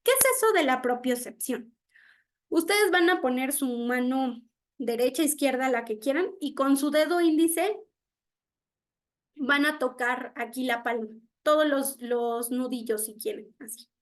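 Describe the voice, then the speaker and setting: A woman's voice: high-pitched, unhurried. A woman giving an online speech therapy lecture. She explains with everyday examples, often checks in with "¿no?", and acts out how children mispronounce words.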